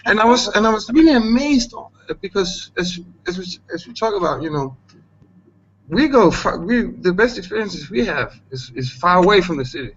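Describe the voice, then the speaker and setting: A man chatting casually as host, animated and laughing a lot while acting out quotes. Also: high voice, moderate pace. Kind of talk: casual chat on a video call. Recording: dull lo-fi call audio with faint background noise.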